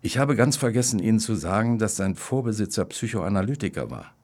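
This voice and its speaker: A man voicing a knowing, smooth-talking male pet shop clerk in a read-aloud story. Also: fairly low pitch, animated, fairly quick, darkish tone, voice pushed up.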